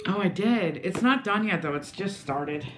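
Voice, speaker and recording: A woman's voice: lowish voice, animated, normal speed, reverberant. A woman co-hosting a casual podcast chat, loose and jokey, rambling through stories. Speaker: podcast co-host.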